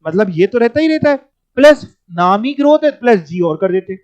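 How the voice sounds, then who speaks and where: High-voiced teacher. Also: male voice, very animated, moderate pace, a little mellow, no room sound. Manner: explains step by step, repeating words and prompting students. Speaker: finance teacher. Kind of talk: classroom lecture. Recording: dull, dry lo-fi recording.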